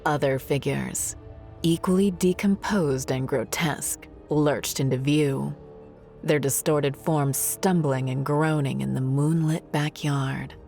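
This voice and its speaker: Low-pitched woman reading a creepy story slow and steady, quiet music behind. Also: creaky. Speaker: story narrator. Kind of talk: scripted horror narration.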